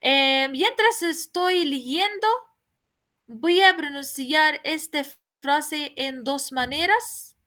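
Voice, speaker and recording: A woman's voice: sits high, drawn-out words, bright, forceful tone. A woman teaching a language class, explaining patiently, repeating each point and asking her students questions. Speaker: Arabic teacher.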